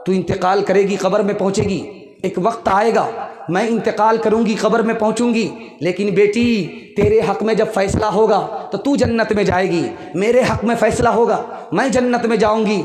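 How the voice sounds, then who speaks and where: A man preaching who speaks as a loving mother gently teaching her daughter, in a repeating, sermon-like cadence. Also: high voice, fairly even intonation, normal speed, echoey room, a crowd in the background, lightly acted. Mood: tender.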